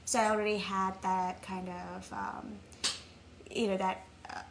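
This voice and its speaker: A woman's voice: medium pitch, flat delivery, a little slow, vocal fry. A young woman from Nepal, talking reflectively as an interview guest, with frequent ums. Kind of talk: casual interview. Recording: faint background noise.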